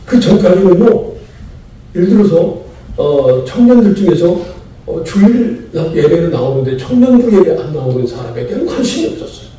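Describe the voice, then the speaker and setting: Middle-aged pastor from chungcheong preaching, dark voice that swings up and down a lot, big echoey church heard from afar. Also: male voice, high voice, moderate pace, distant mic. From Chungcheong, Korea. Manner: animated preaching with repeated key phrases and rhetorical questions. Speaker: guest pastor speaking at a pastors' seminar. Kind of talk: sermon-style lecture. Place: large church sanctuary.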